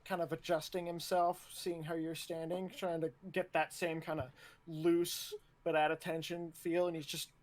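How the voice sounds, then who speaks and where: A man's voice: a little high, level tone, moderate pace. Casual man narrating as game master. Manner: casual, laughing, filler-heavy narration.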